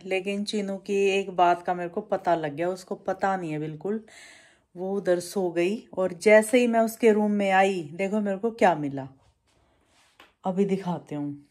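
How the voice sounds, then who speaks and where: A woman's voice: darkish tone, slight background noise. A young woman vlogger chatting casually to her viewers, keeping her voice down at times. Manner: chatty, addresses viewers as bhai; lowers voice to avoid waking someone. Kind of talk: casual daily vlog chat.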